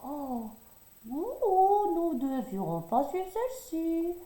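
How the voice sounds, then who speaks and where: A woman doing a soft, worried young fawn. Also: extremely high pitch, big pitch swings, slow, voice pushed up, full character voice. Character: cautious gentle young fawn. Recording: roomy echo, a bit distant.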